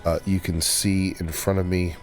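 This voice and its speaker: Male walkthrough host, very low voice, laid-back explainer, lots of "uh" pauses. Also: soft background music. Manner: relaxed, explanatory, frequent filler pauses. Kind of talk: casual gameplay commentary.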